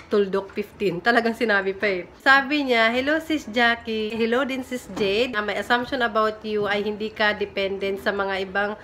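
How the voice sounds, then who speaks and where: A woman's voice: mid-range voice, fairly even intonation, moderate pace, few pauses, a bit bright, slight background noise. A young woman from the Philippines casually chatting on her home vlog, giggly and self-teasing as she reads viewer comments. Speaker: vlogger. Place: home room in Japan. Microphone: phone camera.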